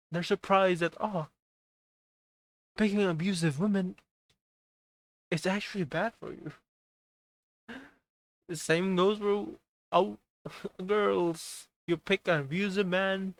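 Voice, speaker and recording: A man reacting casually, halting and repeating his words. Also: high-pitched, no echo. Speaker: reaction youtuber.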